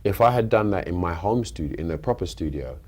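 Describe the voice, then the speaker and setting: UK rapper guest, deep voice, rambling and reflective, relaxed studio chat. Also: male voice, fast talker. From United Kingdom. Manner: thoughtful, rambling with restarts. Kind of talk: casual interview chat. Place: radio studio.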